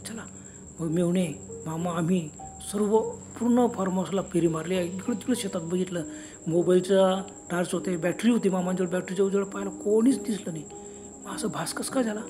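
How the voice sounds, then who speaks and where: High-voiced man telling a ghost story. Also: warm tone. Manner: conversational, unhurried storytelling. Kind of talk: first-person horror story narration. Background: background music and crickets.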